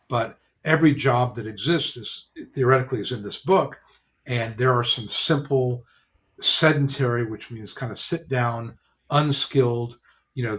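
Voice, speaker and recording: Guy lawyer hosting, explaining stuff practically, lots of you-knows, mid pitch. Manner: explains in a practical way, many "you know" fillers. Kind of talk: explanatory casual discussion.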